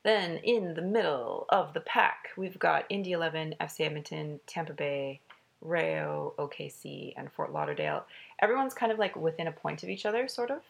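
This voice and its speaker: A woman's voice: low-pitched, expressive, normal speed, vocal fry. A woman co-hosting a soccer podcast, running through results and standings with frequent fillers. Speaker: podcast co-host. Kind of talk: casual sports chat.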